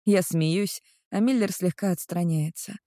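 An audiobook narrator reading a first-person story in an expressive way and acting out heated dialogue. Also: medium pitch, a little slow, no room sound, clean studio sound.

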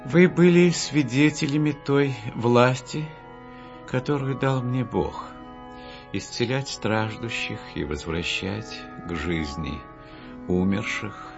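A man voicing Jesus in a storybook, speaking softly and calmly in a low voice. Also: slow, creaky, muffled recording, over music. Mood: gentle. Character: gentle, calm risen Jesus, a grown man.

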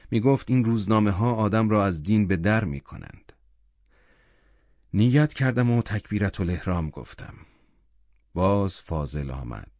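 A man narrating a literary short story as an audiobook in a calm, measured manner. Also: lowish voice, no room sound. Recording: dull lo-fi audiobook recording.

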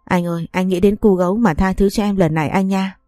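A woman's voice: mid-range voice, steady tone, fairly quick, mellow, dry recording, studio quality, faint music behind, natural voice. A woman reading the lines of a tearful young wife begging her husband. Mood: pleading. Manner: begging, sobbing.

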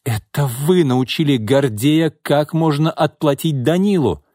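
A male narrator voicing a distraught young female secretary who bitterly accuses her boss, speaking slowly and with emphasis. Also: on the high side, lively intonation, mellow, husky, no room sound, studio quality, pitched above the performer's own voice.

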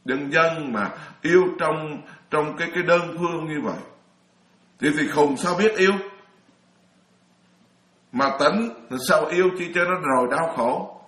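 Middle-aged monk, storytelling dharma talk, slightly high voice, roomy echo. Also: male voice, measured pace, long pauses, fairly bright tone. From Vietnam. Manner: chatty storyteller, laughs often, many restarts. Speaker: Buddhist monk lecturer.

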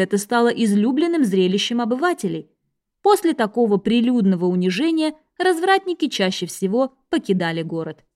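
A woman narrating a scripted history text in an even, measured reading voice. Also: on the high side.

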